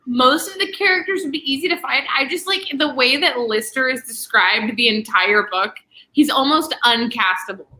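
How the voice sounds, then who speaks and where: With a high, bright, forceful voice, a young booktube host leads a casual livestream book discussion. Her talk is chatty and peppered with "like" fillers and fast asides.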